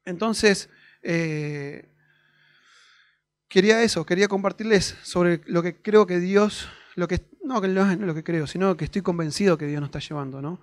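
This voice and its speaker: A man's voice: high voice, moderate pace. A young man with a Rioplatense Spanish accent, preaching a sermon in a conversational, storytelling way, full of fillers and tag questions.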